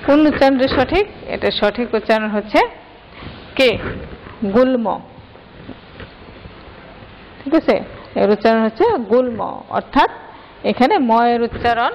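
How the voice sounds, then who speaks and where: A woman's voice: a little high, slight background noise. A woman teacher explaining grammar step by step and putting questions to her students. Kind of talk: grammar lesson. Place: classroom. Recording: dull lo-fi sound with long hall reverb.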